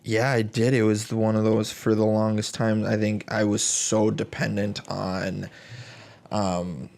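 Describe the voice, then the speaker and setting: Podcast co-host, male, low fry-edged voice, flat delivery, thoughtful and hesitant. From United States. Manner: reflective, halting with many fillers. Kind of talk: casual chat.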